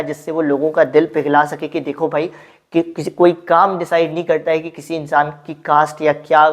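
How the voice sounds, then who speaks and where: Woman teacher, deep voice, mix, lesson with rhetorical questions. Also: a little mellow. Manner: explains with frequent rhetorical questions. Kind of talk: exam-prep history lesson.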